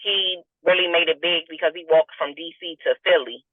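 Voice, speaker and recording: A woman's voice: lowish voice, steady tone, fairly quick, dry recording. Chatty woman with a D.C. on a phone line. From Southeast Washington, D.C. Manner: chatty, laughs easily between phrases. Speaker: guest, entertainment CEO and artist. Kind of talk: casual interview. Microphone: phone call.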